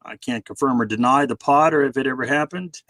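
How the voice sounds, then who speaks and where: A man's voice: medium pitch, a little fast, fairly bright tone, dry recording, low-quality recording. A man in his forties chatting casually on a video call, rambling with many fillers and restarts. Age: 40s.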